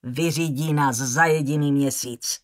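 A woman's voice: low voice, fairly even intonation, close to an everyday voice. A woman voicing Rhett, a cynical charmer. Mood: mocking. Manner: dry and teasing. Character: mocking self-assured grown man, cynical charmer. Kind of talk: audiobook character voice.

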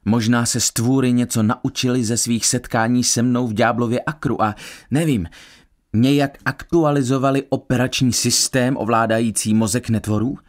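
A man reading a novel aloud as an expressive first-person audiobook narrator. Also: medium pitch. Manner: expressive storytelling.

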